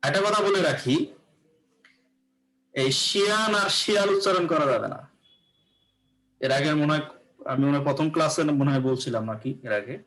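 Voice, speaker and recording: A man's voice: fairly high pitch, moderate pace, pauses often, fairly bright tone, low-quality recording. A man with a Bangladeshi accent teaching English pronunciation in a live class, explaining patiently and often checking that students follow.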